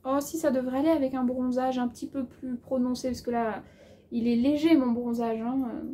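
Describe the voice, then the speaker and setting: High, mellow-voiced woman chatting through a haul. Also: steady tone, normal speed. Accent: has an accent of her own. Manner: chatty, thinks aloud while measuring fabric; lots of hesitations and filler words. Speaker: sewing vlogger. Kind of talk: casual haul video chat.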